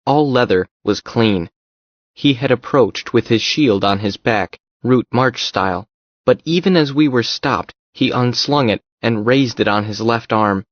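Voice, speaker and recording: A man giving a steady first-person narration of an audiobook story. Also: medium pitch, dry recording, highs cut off.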